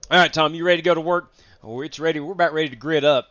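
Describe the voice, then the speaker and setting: Speaking very fast with a steady, fairly bright, high-leaning voice, a man streams sim racing live despite being sick and drained. He rambles with fillers and greets viewers from chat, and the dry, lo-fi audio sounds dull with no room sound.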